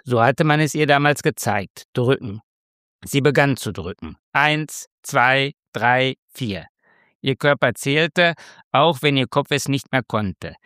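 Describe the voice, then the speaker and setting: A man reading a tense story aloud as narrator, with slow, measured delivery. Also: medium pitch, a bit bright, dry recording, clean studio sound. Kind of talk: scripted narration.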